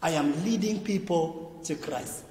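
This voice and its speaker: A man with a Kenyan accent preaching a sermon as pastor, with emphatic repetition that climbs to shouts and falls back low. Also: a little slow. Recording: echoey hall with faint music.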